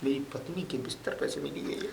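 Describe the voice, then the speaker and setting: A woman's voice: extremely low pitch, a little fast, a little mellow, a little hiss or hum. A woman playing a jealous young husband in a comedy sketch, accusing and argumentative. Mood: scheming. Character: jealous young husband, suspicious and hot-tempered.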